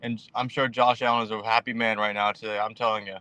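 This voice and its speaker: A man calling into a show, excited and in a hurry. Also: lowish voice, no room sound. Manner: excited and rushed. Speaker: caller. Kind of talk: casual call-in chat.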